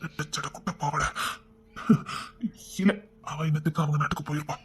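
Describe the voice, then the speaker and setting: A man's voice: a little high, little pitch movement, a bit bright, breathy edge. A man playing a young rowdy who broods over a past heartbreak and scolds a woman for coming back. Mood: brooding. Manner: scolding, rapid, exasperated. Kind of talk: amateur romance drama acting.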